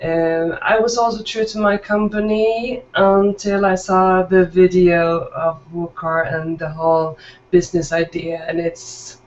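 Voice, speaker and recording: A woman from southern Sweden speaks upbeat and chatty, pausing on fillers. She sounds set back from the microphone. The audio is muffled and lo-fi, as over a web call. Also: on the low side, little pitch movement, darkish tone, far from the mic, slight background noise. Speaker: panel guest. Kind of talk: casual self-introduction.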